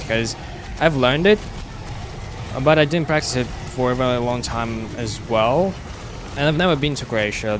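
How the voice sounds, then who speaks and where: A man streaming a game and chatting casually with his viewers, his English carrying a slight British tinge. He speaks in a halting, stop-start way, full of fillers and restarts. His voice sits at an ordinary middle pitch, with a steady noise running underneath. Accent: slight British-sounding English, learned at school. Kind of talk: casual chat while gaming live.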